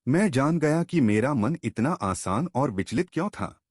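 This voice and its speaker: A man voicing a humbled young prince who has newly found calm, speaking with earnest confession. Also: mid-range voice, normal speed, slightly rough, no echo, studio quality, pitched above the performer's own voice.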